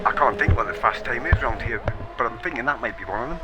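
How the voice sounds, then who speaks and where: A man's voice: mid-range voice, expressive, fast talker, heavy background noise. A man doing casual live-stream commentary on an online racing league, swearing a lot, laughing often and rambling. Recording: music playing behind the voice.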